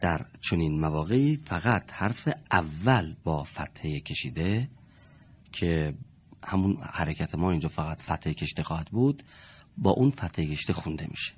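A man's voice: very deep voice, lively intonation, breathy edge, muffled recording. A man teaching a reading lesson in a classroom style, patiently explaining step by step and repeating key terms.

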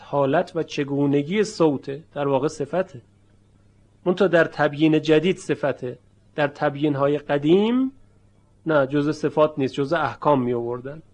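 A man teaching a tajweed lesson, explaining merging rules patiently and demonstrating each sound slowly and emphatically. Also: fairly high pitch. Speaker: Quran recitation teacher.

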